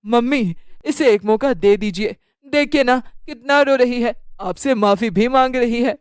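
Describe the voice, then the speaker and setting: A woman voicing a young husband who gently pleads with his mother. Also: a little high, unhurried, clear, resonant tone, no room sound, studio quality, pitched below the performer's own voice, lightly acted.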